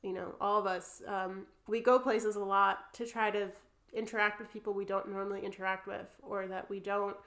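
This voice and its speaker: Young woman, New Jersey accent, podcast guest, chatty and relaxed, middle pitch. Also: moderate pace, hardly any pauses. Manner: chatty, full of fillers, laughs easily. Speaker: artist guest. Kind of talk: casual podcast conversation.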